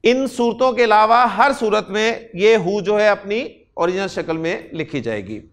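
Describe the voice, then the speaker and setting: A man from Pakistan teaching Arabic grammar in a lecture, explaining step by step, slowing down to spell out Arabic words and answering his own questions. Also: high voice, animated, a bit bright. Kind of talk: classroom lecture.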